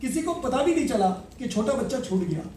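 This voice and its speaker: A man giving an animated motivational talk, telling a fable and acting out its characters. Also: extremely high pitch, brisk, slight background noise. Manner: animated storyteller, acts out characters. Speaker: motivational speaker. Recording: echoey room, mic at a distance.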